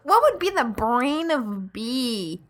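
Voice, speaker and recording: A woman's voice: a little high, very animated, slow pace, crowd noise. A woman with a cold co-hosting a podcast, giggling often as she chats. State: has a cold. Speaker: podcast co-host. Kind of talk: casual podcast banter.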